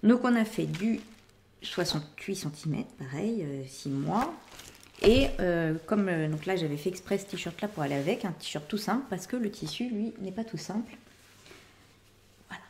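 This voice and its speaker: A mellow, mid-range voice with some vocal fry comes through a faint hiss or hum. The middle-aged host of a knitting and sewing podcast rambles chattily as she presents her completed projects, sprinkling in "voilà" as she finishes each one.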